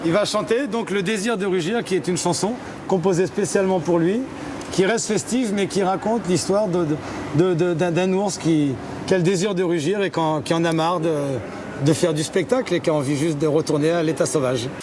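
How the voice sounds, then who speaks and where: A man talking spontaneously in an interview, halting and repeating words as he explains. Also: sits high, noisy background.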